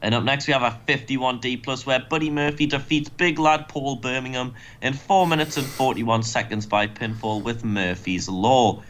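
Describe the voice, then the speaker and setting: A man's voice: mid-range voice, fairly bright tone. Wry man commentating a game. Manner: joking, wry. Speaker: let's play host.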